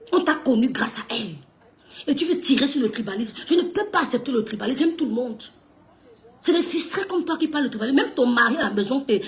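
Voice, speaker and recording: A woman ranting on a live stream, scolding someone, repeating herself and laughing mid-sentence. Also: high-pitched. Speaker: social media live streamer. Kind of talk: heated live-stream rant.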